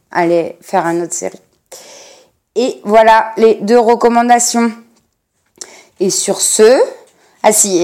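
Young woman, podcast host; casual, rambling delivery, lots of restarts. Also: fairly low pitch. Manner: chatty, rambling, many fillers and restarts. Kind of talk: casual personal podcast monologue.

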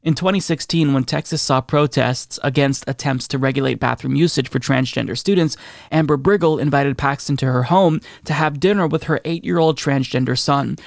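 A man's voice: medium pitch, a little fast, vocal fry, dry recording, clean studio sound. A man hosting a political commentary show, speaking in an indignant, sarcastic way.

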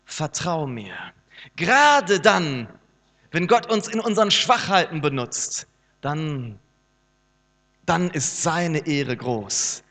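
A man preaching a sermon as pastor, lively and animated, sometimes acting out the voices he quotes. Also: a little high, slow. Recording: long reverb with mains hum.

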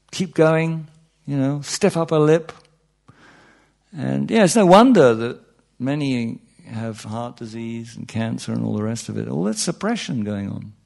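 This man has a slightly high voice with vocal fry. He's a meditation teacher speaking informally to a group on spiritual matters, cracking jokes and often checking in with listeners through "yeah?" and "you know."

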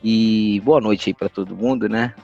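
A man's voice: on the low side, fairly even intonation, a little slow, vocal fry, warm tone, dull audio, soft background music. A man telling anecdotes as a podcast guest, rambling and slangy, with frequent tag questions.

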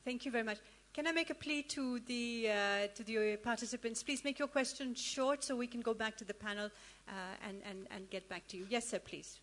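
A woman moderating a panel discussion, brisk and directive as she calls on questioners. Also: on the high side, fairly bright tone.

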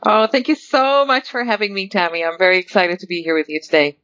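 A woman's voice: medium pitch, expressive, fast talker, fairly bright tone, dry recording, highs cut off. A woman in her fifties from the Netherlands, a guest in a casual interview, talking in a rambling way with many ums and restarts. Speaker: guest, networking chapter director.

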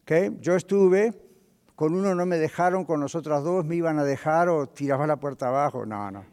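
Man preaching, fairly high voice, lively rhetorical questions, long church-hall reverb. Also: moderate pace. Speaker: pastor. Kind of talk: sermon.

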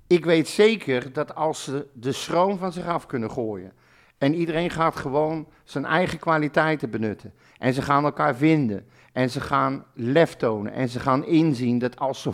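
A man's voice: medium pitch, moderate pace, vocal fry. An older man ranting bluntly in a casual podcast chat, swearing and getting worked up. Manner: blunt, swearing, fired-up rants. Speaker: podcast co-host, football fan.

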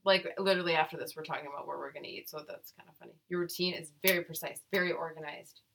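A woman with a fairly low voice co-hosts a podcast in casual chat. She reads text aloud and breaks off into playful, cursing jokes. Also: fairly even intonation, very fast, gravelly, fairly bright tone. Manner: playful, profane, jokey asides. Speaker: podcast co-host.

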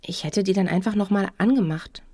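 An unsure, fumbling husband who hedges every sentence, read by a woman in her own mellow, dry voice. He sounds uneasy and a little defensive, as in an audio story about a marriage. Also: mid-range voice, brisk, husky, dry recording, close to an everyday voice. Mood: awkward. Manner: hesitant, stammering and a little defensive. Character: insecure, awkward husband in a tired marriage.

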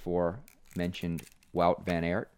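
A man's voice: sits low, flat delivery, unhurried, clean tone. A man co-hosting a casual podcast, steering the conversation and setting up the next segment. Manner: steers the talk, sets up segments. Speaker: podcast co-host.

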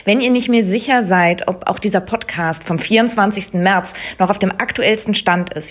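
A woman hosting a remote podcast, asking chatty questions with fillers, heard over a low-quality phone line. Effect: low-quality phone-line sound. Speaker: podcast host.

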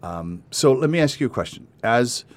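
A middle-aged man hosting a podcast interview, talking casually with frequent restarts and pauses. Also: mid-range voice, lively intonation. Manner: hesitant, restarts often, thinks aloud. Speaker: podcast host.

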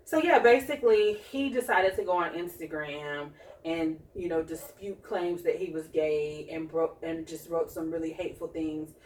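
Woman co-host, low voice, gossipy and shady, recorded far off in a roomy space. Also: moderate pace, a little mellow. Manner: gossipy, shady commentary with asides. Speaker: podcast co-host. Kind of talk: casual chat. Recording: echoey room, far from mic.

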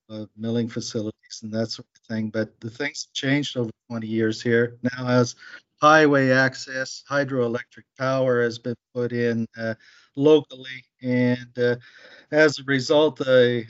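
Man, market commentator, low quality stream, patchy audio, dry lo-fi laptop sound, hesitant. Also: dry recording. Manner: hesitant, many fillers. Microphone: laptop mic on a remote call.

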